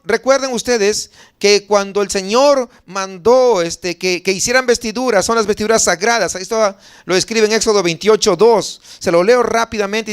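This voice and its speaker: A man's voice: high-pitched, a bit bright, clean tone. A male pastor preaching a sermon, reading Bible verses aloud and asking the congregation questions. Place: church.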